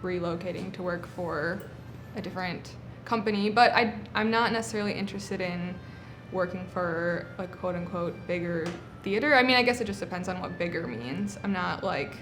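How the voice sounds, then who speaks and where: A woman's voice: on the low side, normal speed, few pauses, reverberant, soft background music. A woman in her late twenties, a cinema technical manager, talking casually in a documentary interview with lots of filler words. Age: 20s. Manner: casual, relaxed, frequent "like" fillers. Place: historic movie theater.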